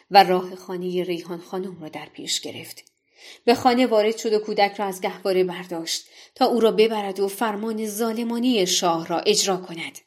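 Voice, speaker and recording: A woman narrating a folktale in a measured, expressive reading voice. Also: medium pitch. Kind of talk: scripted storytelling narration.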